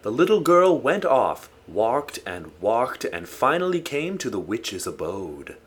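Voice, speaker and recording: A man narrating a folk tale in a steady, expressive storytelling manner. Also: medium pitch, unhurried, slightly rough.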